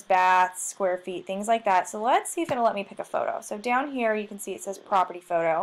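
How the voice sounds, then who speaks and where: This medium-pitched woman leads a screen-share tutorial for software in her role as a marketing trainer. Chatty and quick to laugh at herself, she muses aloud while clicking through.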